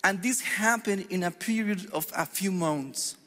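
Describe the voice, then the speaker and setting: A middle-aged pastor from Colombia, speaking with a Colombian Spanish accent, preaches an earnest, measured sermon and pauses deliberately on scripture. His voice is high for a man, bright and forceful, ringing with the long reverb of a church hall.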